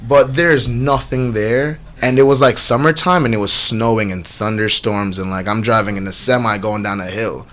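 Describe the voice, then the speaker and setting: Speaking at a moderate pace with a lowish voice and barely any pauses, this twenty-something rapper from Jamaica gives a laid-back radio interview. His storytelling is lively and full of slang, peppered with "you know what I'm saying," recorded on a studio mic in a small radio studio.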